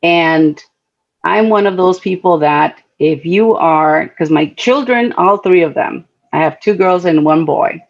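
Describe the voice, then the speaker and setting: A woman's voice: fairly low pitch, measured pace, creaky, dull audio. A middle-aged woman from Guatemala, speaking earnestly and conversationally as a panelist at a talk event, telling personal stories. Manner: earnest, heartfelt, conversational, with frequent fillers.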